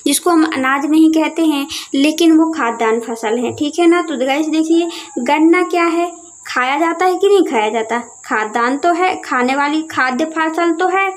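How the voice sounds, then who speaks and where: High-voiced woman teaching a class. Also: normal speed. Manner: asks questions and answers them herself; keeps addressing viewers as guys. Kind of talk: explaining a lesson over a map.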